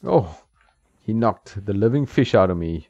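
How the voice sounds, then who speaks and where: Chuckling and answering back to the characters on screen, a man gives casual let's-play commentary in a lowish, warm, animated voice at a slightly slow pace. The recording is dry, from a slightly dull lo-fi mic with game music.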